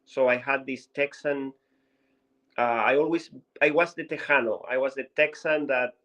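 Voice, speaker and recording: A man's voice: mid-range voice, fairly even intonation, normal speed, a bit bright, rough recording. A Chilean man whose first language is Spanish, speaking English with a Chilean accent as a guest, sincere and sometimes searching for words. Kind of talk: interview storytelling.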